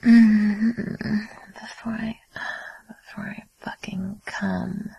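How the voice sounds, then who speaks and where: A young adult woman whispers close and slow, her voice thin with breath and edged with a gravelly fry. She talks in a soft, unhurried murmur, sitting a little higher in pitch than most women. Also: fairly even intonation, dry recording, lo-fi sound. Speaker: audio creator. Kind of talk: intimate whispered audio.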